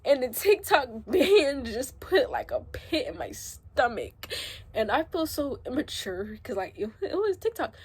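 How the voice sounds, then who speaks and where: A young woman crying as she speaks a halting, emotional confessional vlog, her voice rising and breaking as she gets upset. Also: high-pitched, very animated, darkish tone, slightly rough. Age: young adult. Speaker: vlogger.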